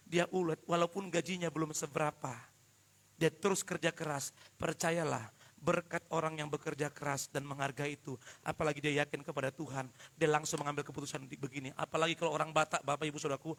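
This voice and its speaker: High, gravelly, bright-voiced male preacher. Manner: jokey preaching, swings from hushed asides to shouted emphasis; addresses the congregation directly and often. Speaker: pastor. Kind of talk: live worship sermon.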